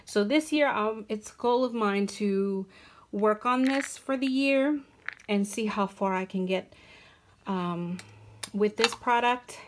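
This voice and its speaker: A woman's voice: mid-range voice, slow, a little hiss or hum. A young adult woman talking casually to camera as a beauty vlogger, hesitant with frequent ums and self-corrections. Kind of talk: casual product talk to camera.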